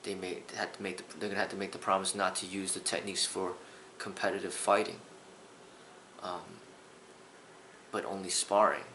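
A man's voice: low-pitched, flat delivery, moderate pace, pauses often, pushed and bright, reverberant, a little hiss or hum, low-quality recording. A man in his thirties, a kung fu instructor, talking earnestly to the camera in a casual vlog, rambling with restarts. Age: 30s. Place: small indoor room with a sofa.

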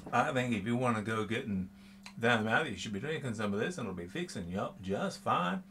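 A man in his sixties playfully presenting to camera in a deliberately exaggerated, fake Southern US accent. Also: medium pitch, animated, a bit bright, a little hiss or hum. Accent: fake, exaggerated Southern US, put on. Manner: hammy fake Southern drawl. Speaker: vlog host, drinks reviewer. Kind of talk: playful to-camera bourbon tasting in a put-on accent. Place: small room with bottle shelves, indoors.

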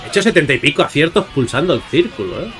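This male gaming YouTuber chats informally with viewers while commenting on a video game, breaking into playful exclamations. He talks quickly in a fairly high, sing-song voice, with music running under him.

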